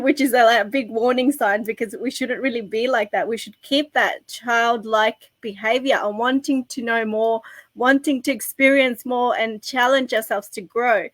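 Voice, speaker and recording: A woman's voice: on the high side, normal speed, no room sound. A woman from Australia, a business owner in her thirties, talking casually on a panel with many fillers. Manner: chatty, lots of fillers like "you know" and "like".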